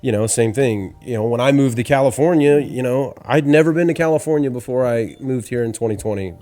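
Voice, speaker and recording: A man in his forties from Georgia, a podcast guest telling stories in a rambling, animated way. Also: medium pitch, a little fast. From Atlanta, Georgia. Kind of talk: casual storytelling.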